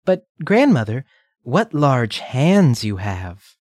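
A man's voice: mid-range voice, sing-song, slow, darkish tone, no echo, clean studio sound, voice pushed up. A man putting on a chirpy little girl. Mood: wondering. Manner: eager, chirpy, polite. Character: sweet innocent little girl.

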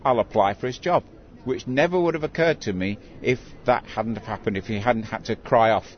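A man's voice: mid-range voice, a little fast. An older man who works as a town crier, telling stories conversationally in an interview. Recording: dull recording with clear background noise.

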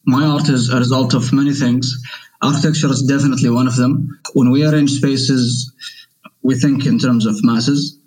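Man, from Saudi Arabia, guest artist, measured, pausing. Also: medium pitch, fairly even intonation, a little mellow, low-quality recording. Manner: measured, thoughtful, with pauses. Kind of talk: interview conversation.

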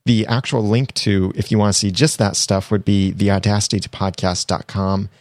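This young man's podcast is a solo tips monologue, chatty and upbeat though his delivery is flat, as he gets over a cold. His voice is lowish and darkish in tone at a moderate pace, captured dry with clean studio sound.

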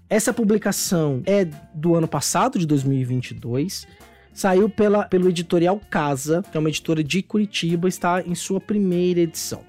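Brazilian podcast host, low-pitched woman over music. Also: darkish tone. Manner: explanatory, conversational, with frequent tag questions. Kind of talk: informal podcast presentation.

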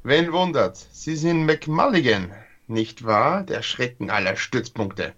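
A man voicing a grumpy, croaking robot speaking through an intercom in a text adventure game. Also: mid-range voice, animated, slow pace, a bit bright, lo-fi sound. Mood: grumbling. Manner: angry, gruff, grumbling. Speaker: player reading a text adventure aloud. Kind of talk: reading game text aloud in a voice.

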